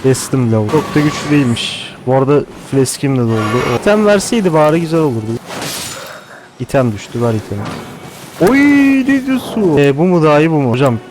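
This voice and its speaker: A man giving casual gameplay commentary, excitable and thinking out loud, with casual swearing. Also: medium pitch, fast, background noise. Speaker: gaming host.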